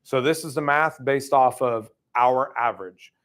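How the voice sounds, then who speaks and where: With a medium-pitched, unhurried voice, this man in his thirties delivers a live sales training talk to a room. He's chatty, lively, and casual, using many fillers.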